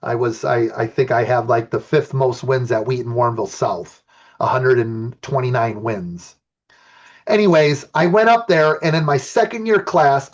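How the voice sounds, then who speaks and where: A man from Illinois gives a conversational, enthusiastic archaeology lecture with personal anecdotes over a video call. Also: medium pitch. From Illinois, USA. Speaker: archaeologist giving a talk. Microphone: computer mic on a video call. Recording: dull lo-fi video call audio.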